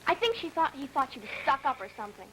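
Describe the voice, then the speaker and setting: An actress playing a talkative, romantic-minded young daughter in a 1950s family drama, earnest and inquisitive. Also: female voice, sits high, sing-song, fast talker, fairly bright tone, a little hiss or hum, low-quality recording.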